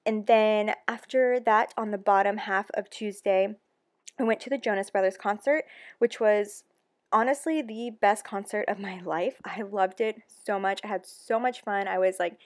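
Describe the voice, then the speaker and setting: A young woman narrates in a casual, confessional voice-over. Her talk is loose and chatty, full of ums and likes. She stays candid and emotional, with her voice at an average pitch for a woman. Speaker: planner vlogger.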